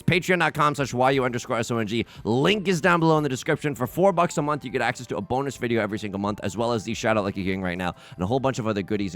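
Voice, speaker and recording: Into a desk microphone, a man with a slightly bright mid-range voice hosts his own let's play of a tile game. His casual commentary rambles along as a self-mocking stream of consciousness.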